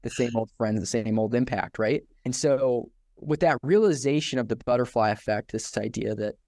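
A man's voice: mid-range voice, moderate pace, no echo, studio quality. A young man hosting a podcast, telling a story casually and acting out the voices of the people in it, with frequent laughs. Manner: animated storyteller who acts out quotes, laughs often. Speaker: podcast host.

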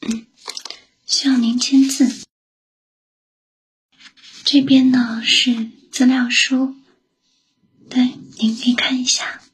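A woman whispering softly as an attentive young secretary who looks after her boss in an ASMR roleplay. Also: sits high, flat delivery, takes it slowly, pauses often, slightly rough, full character voice, rough recording. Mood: caring. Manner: soft whispering, gentle and solicitous.

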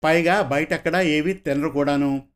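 Quiet patient young wife, soft-spoken, storybook voice, read by a man. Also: on the high side, fairly even intonation, normal speed, natural voice. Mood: calm.

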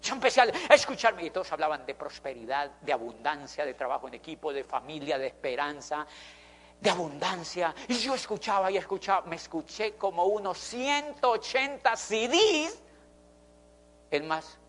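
A man's voice: on the high side, expressive, normal speed, a bit bright. A middle-aged man, telling an emphatic motivational story to an audience and repeating phrases for effect. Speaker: motivational speaker.

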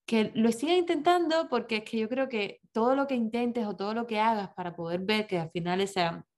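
A woman's voice: on the high side, fairly quick, a little mellow. A woman hosting an interview podcast, speaking in a reflective, encouraging way to her listeners. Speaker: podcast host. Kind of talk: conversational interview.

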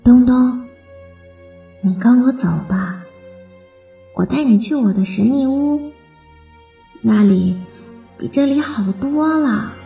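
A woman's voice: a little high, slow pace, gravelly, long pauses, dark tone, echoey room, faint music behind. A woman voicing an eerie ghost that whispers from under a child's bed, in a dreamy, distant, floating voice. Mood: coaxing. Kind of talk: storytelling narration.

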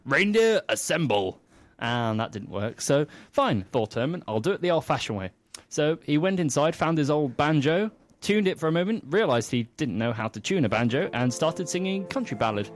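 A man's voice: mid-range voice, a little mellow. Playful man telling a comic story. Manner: playful, teasing asides.

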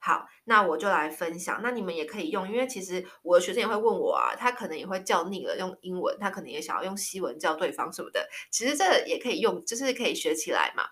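A woman's voice: fairly low pitch, sing-song, fast talker, hardly any pauses, a bit bright. A woman in her thirties teaching Spanish words in a casual, chatty way, spelling them out letter by letter. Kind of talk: casual language lesson.

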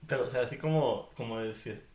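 A man's voice: medium pitch, a little fast, a little mellow. A man chatting casually on a podcast, rambling through hesitant explanations and laughing often. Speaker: podcast co-host. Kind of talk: casual chat. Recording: echoey room.

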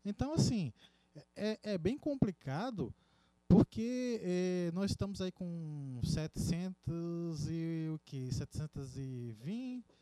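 A man's voice: fairly high pitch, animated, slow, mellow, dry recording. A man co-hosting a podcast in casual chat, rambling with many restarts. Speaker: podcast co-host.

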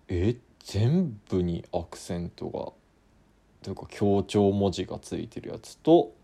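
Gravelly low-voiced man musing aloud. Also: mellow. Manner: muses aloud while trying out regional word accents. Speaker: podcast host. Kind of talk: casual solo podcast chat.

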